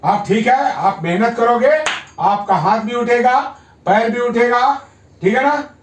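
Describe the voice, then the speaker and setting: A man's voice: very high voice, measured pace, a little hiss or hum. A man working as a yoga therapist, firmly coaxing a patient at home and repeating his encouragement. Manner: firm, coaxing, repeats himself. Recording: echoey room, mic at a distance.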